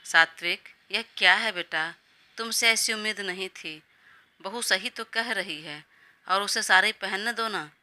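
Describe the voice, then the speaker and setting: A woman's voice: medium pitch, a little slow, sharp tone. A woman voicing a doting old grandmother who scolds her grandson fondly and sides with the new bride. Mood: concerned. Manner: fussy, indulgent scolding.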